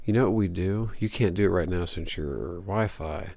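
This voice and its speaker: A man's voice: deep voice, moderate pace, creaky, no room sound. A man chatting casually while playing an online game, rambling and swearing freely with lots of restarts, over a headset mic. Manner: rambling, profane, with frequent restarts. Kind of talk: casual gaming chat. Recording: dull, dry lo-fi mic audio.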